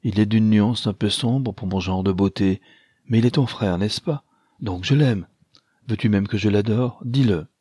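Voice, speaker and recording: A man's voice: on the low side, normal speed, warm tone, slightly rough, no room sound, studio quality. A man voicing a teasing young society lady. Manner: playful, teasing. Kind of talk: audiobook character voice.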